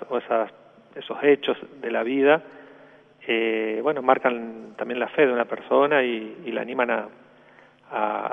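Over a tinny phone line that sounds like a large hall, a priest from northern Santa Fe, Argentina, is interviewed on the radio in a mid-range voice with vocal fry. He often repeats words and tacks "¿no?" onto his sentences.

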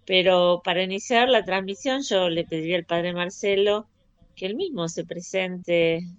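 A woman's voice: fairly low pitch, moderate pace, clear, resonant tone, no echo, dull audio. A woman hosting a radio interview, hesitant and full of fillers. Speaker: radio host.

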